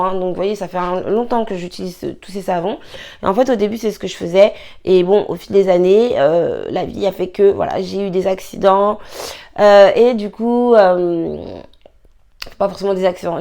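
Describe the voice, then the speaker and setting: A beauty vlogger with a mid-range, darkish voice chats casually through a how-to video. She rambles with lots of fillers and restarts, working with her hands and tossing in quick apologetic asides.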